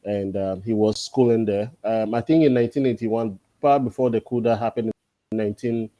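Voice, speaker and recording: A man around forty, a guest in a casual interview, talking thoughtfully and pausing often on drawn-out fillers. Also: lowish voice, steady tone, warm tone, no echo. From Ghana. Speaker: podcast guest.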